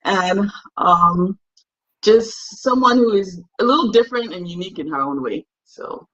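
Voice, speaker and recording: A young adult woman from Cameroon, a guest in a casual interview, talks chattily and self-deprecatingly, laughing easily. Her mid-range voice has lively intonation, an unhurried pace and a bit of brightness, with the highs cut off.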